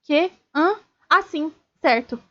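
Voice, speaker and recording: A brave teenage boy wizard in a storybook reading, voiced by a woman, pushed and breathless. The voice sits high. The stream audio sounds dull and lo-fi. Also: animated, slow, exaggerated voice. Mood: distracted. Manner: shouting spells, breathless urgency.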